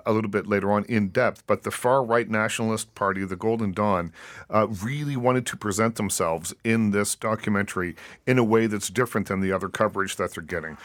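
A man hosting a casual interview chats in an easygoing way, often restarting his sentences and laughing easily. His voice is on the low side and brisk, heard in a dry recording.

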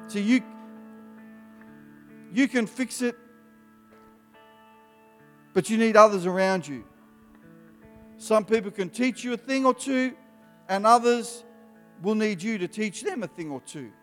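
A man in his fifties preaching an emphatic sermon to young people, his voice rising in animated bursts. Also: high voice, measured pace, pauses often. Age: 50s. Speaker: youth preacher. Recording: live hall with long reverb, soft music behind.

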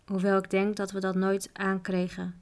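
A woman voicing Piak, a gruff, practical male mountain guide who grumbles matter-of-factly, in a storybook reading. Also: mid-range voice, monotone, moderate pace, close to an everyday voice.

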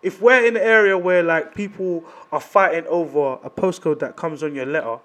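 A man's voice: a little high, moderate pace, a bit bright. A man with a London roadman accent debating casually in street slang, emphatic and repeating his phrases for stress.

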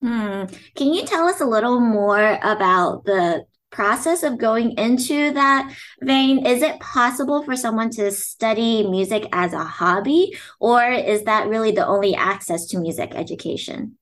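A woman's voice: on the high side, lively intonation, unhurried, few pauses, fairly bright tone. A woman hosting a podcast, asking curious, friendly questions. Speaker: podcast host.

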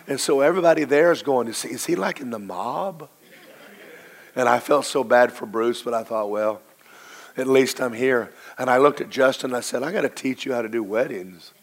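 A middle-aged pastor delivers a sermon in a low, hoarse voice that roughens every line, though his pitch stays in an ordinary male middle range. He preaches emphatically, leaning hard on key words and drawing them out slowly. His delivery moves between rising emphasis and quieter asides.

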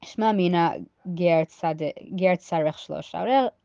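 A woman with an American accent and a cold teaches a Talmud page, reading each Aramaic phrase and then working out the translation with many hesitations. Her voice sits low and mellow. The recording is dry and dull, with a lo-fi sound. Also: slow, creaky, clear, resonant tone, no echo. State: sick with a cold. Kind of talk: daily Talmud lesson.

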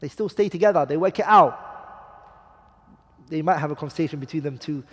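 Fairly high and a bit fast, his slightly rough voice rings with a long reverb tail as he teaches about marriage. The Islamic teacher is emphatic, quizzes students with rhetorical questions, and draws on Arabic hadith and poetry.

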